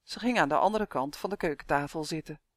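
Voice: mid-range voice, fast, fairly bright tone, no room sound. Dry, close storybook narrator. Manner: lifts the voice for characters' dialogue. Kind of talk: storybook reading.

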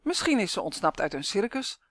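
A woman's voice: mid-range voice, very animated, fairly quick, dry recording. A woman doing a scheming, nervous professor. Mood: coaxing. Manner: coaxing, anxious.

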